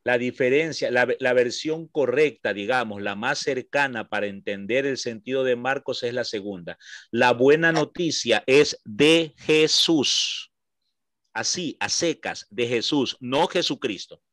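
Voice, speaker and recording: A man's voice: medium pitch, fairly bright tone, dry recording, clean studio sound. A man with an Ecuadorian accent teaching a Bible study class, explaining patiently, repeating key points and checking that his listeners follow. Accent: Ecuadorian Spanish. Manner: explanatory, checks understanding with short questions; repeats points slowly for emphasis.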